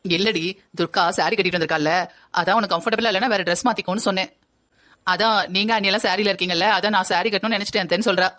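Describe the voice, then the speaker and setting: A woman voicing a gentle, easygoing middle-aged mother-in-law in a cartoon family story. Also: medium pitch, steady tone, very fast, close to an everyday voice. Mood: reassuring. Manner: gentle, reassuring.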